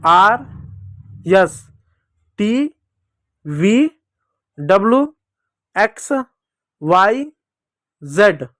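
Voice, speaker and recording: High-voiced man teaching phonics to children. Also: no echo, studio quality. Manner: repetitive, asks and answers own questions. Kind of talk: classroom phonics lesson.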